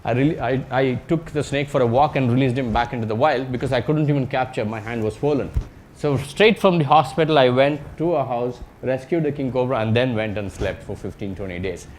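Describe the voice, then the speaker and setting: Male researcher, Indian accent, mid-pitched, anecdotal and jokey slide-talk delivery, slight background noise. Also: fairly quick, darkish tone. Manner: joking, conversational, uses short phrases and tag questions. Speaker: wildlife researcher giving a talk.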